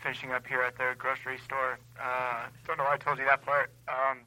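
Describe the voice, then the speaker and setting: A man leaving an excited, halting voicemail, played back over a landline phone. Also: medium pitch, rough recording. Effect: voicemail message played back over a landline phone. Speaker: friend leaving a phone message. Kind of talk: casual phone message.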